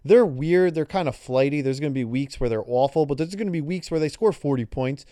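A man's voice: on the high side, fairly quick, warm tone, no echo, clean studio sound. A man co-hosting a sports podcast, talking through an upcoming matchup in a conversational, step-by-step way. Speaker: podcast co-host. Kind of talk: casual sports podcast talk.

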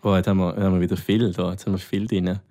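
A man with a slightly hoarse voice, hesitantly repeating verb forms while learning. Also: deep voice, little pitch movement, racing, mellow, no room sound, studio quality. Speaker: language learner. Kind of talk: casual language practice chat.

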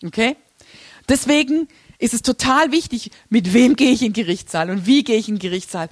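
A woman leads a church workshop in a loose, chatty way, laughing as she explains her slides. Her voice sits a little high. The sound is dry and close, with no room echo. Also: expressive, brisk. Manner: chatty, informal, laughs often, many restarts. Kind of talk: casual teaching talk with slides.

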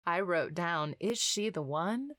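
Lowish-voiced cheerful woman player. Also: expressive, unhurried, a bit bright, no echo, clean studio sound. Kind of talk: casual tabletop chat.

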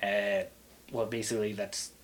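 A man's voice: lowish voice, level tone, normal speed. A man from Quebec chatting casually about history on a podcast, rambling along with plenty of fillers and restarts. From Quebec, Canada. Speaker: podcast guest.

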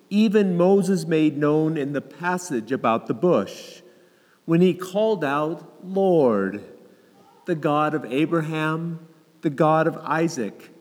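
A man, a clergyman, reading the Gospel aloud in a solemn, deliberate, liturgical way. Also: on the high side, lively intonation, darkish tone. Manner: measured, deliberate phrasing. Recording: reverberant hall.

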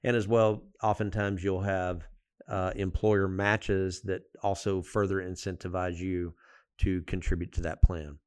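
Low, smooth-voiced man explaining finance. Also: level tone, measured pace, no echo, studio quality. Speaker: financial firm executive, podcast panelist. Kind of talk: unscripted explanatory talk.

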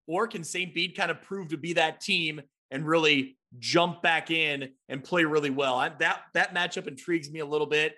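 Bright, high-voiced male sports host. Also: moderate pace, few pauses. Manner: upbeat, self-deprecating, recaps game stats. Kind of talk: casual sports talk.

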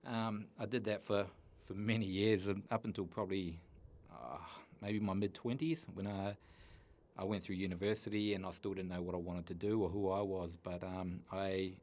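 Deep-voiced New Zealand man, earnest and halting. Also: steady tone, a little mellow. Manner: earnest, halting with many restarts. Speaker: guest. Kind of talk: candid personal story.

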